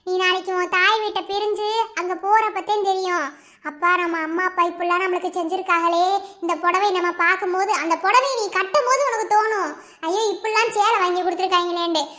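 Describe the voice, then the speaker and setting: Lady voicing a bossy-sweet madurai aunt, very high squeaky voice, rattles on with advice. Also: fairly even intonation, fast talker, pushed and bright. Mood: lecturing. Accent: Madurai Tamil. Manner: long preachy advice, coaxing questions. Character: motherly middle-aged aunt, lecturing and fond. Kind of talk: cartoon voice acting.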